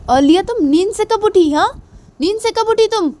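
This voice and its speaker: A woman voicing an indignant young woman who scolds in shrill, rapid questions. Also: expressive. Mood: scolding.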